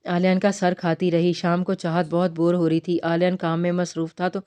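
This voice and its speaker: A woman narrating a romance novel aloud in a plain, unhurried reading style. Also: on the low side, completely flat delivery, mellow, smooth.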